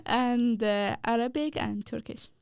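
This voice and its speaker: A young woman from Afghanistan, a student guest, speaking haltingly with many fillers and restarts in a casual podcast interview. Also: fairly high pitch, creaky, darkish tone, smooth, no echo, studio quality.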